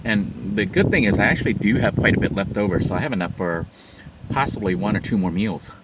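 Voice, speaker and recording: A man's voice: on the low side, animated, quick pace, very noisy. A man vlogging from inside his parked van, chatting unhurriedly as he eats and describes his food in detail. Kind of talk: mukbang eating commentary.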